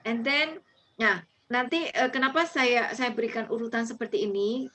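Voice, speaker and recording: A woman's voice: a little high, normal speed, bright, forceful tone. A woman teaching presentation skills in an online class, chatty, with many fillers and restarts, dropping English phrases into her talk.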